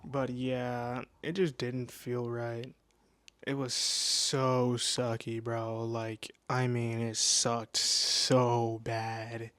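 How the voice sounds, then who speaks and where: A man's voice: mid-range voice, completely flat delivery, very slow, fairly bright tone, no echo. A nineteen-year-old man telling a casual storytime into his microphone at home, rambling with lots of restarts and slang. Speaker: vlogger. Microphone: new desk microphone.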